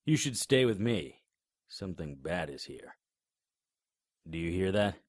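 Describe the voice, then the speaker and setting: In an audio drama, a man with a low voice plays a wisecracking, middle-aged monster hunter who also serves as the vampire-hunting narrator. His delivery is heavily acted and unhurried, with big pitch swings, yet his tone stays dry, sardonic, matter-of-fact and wry. There's no echo on the recording.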